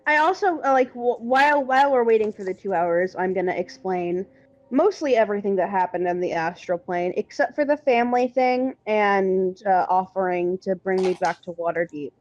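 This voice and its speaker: A woman playing in a tabletop game, chatting casually with an animated, giggly, rambling manner. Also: medium pitch, moderate pace, lo-fi sound. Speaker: player. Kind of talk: casual chat.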